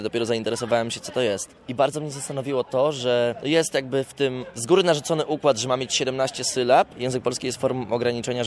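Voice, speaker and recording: A man frankly and chattily answering a reporter's questions. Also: mid-range voice. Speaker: contest participant. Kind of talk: interview answers.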